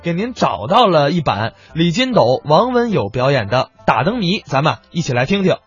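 A male radio host introducing an archival comedy recording in a relaxed, chatty way. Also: fairly high pitch, moderate pace, husky, no echo. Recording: dull, dry studio sound with faint music.

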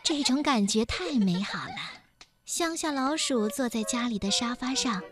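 A woman narrating a children's story in a gentle, expressive storybook manner. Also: fairly high pitch, normal speed, over music.

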